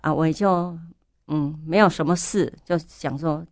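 A woman's voice: deep voice, normal speed, no echo, studio quality. An older woman, a church elder, telling her story in an interview and fervently repeating her prayers aloud. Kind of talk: testimony interview.

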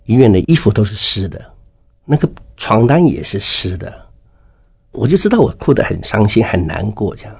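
A man's voice: lowish voice, big pitch swings, normal speed, gravelly, a little mellow, breathy edge. A middle-aged man giving a personal faith testimony as an interview guest, telling his story with emotion and acting out the dialogue.

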